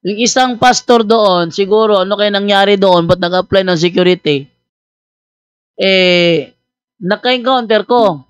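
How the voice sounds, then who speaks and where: Animated male priest telling a story. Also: high-pitched, a little slow, smooth, dry recording, lo-fi sound. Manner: animated, teasing storyteller acting out both sides of a dialogue; conversational, with frequent fillers and restarts. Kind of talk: storytelling apologetics talk.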